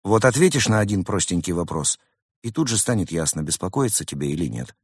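A man's voice: low voice, big pitch swings, fairly quick, breathy edge, no echo, clean studio sound, exaggerated voice. A man voicing a brash, joking male cat in a storybook reading, talking in cheeky slang.

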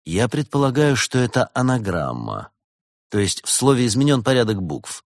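A man voicing a clever male fox detective in a storybook reading, teasing and measured as he explains. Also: mid-range voice, sing-song, no room sound, studio quality, pitched above the performer's own voice. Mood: playful.

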